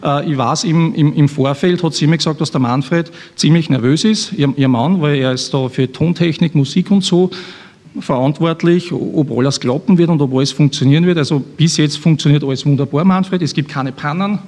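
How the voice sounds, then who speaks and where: A man's voice: fairly high pitch, normal speed, darkish tone. An Austrian man, an author introducing a reading at a live event, talking in a rambling, self-mocking way with many restarts. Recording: long hall reverb.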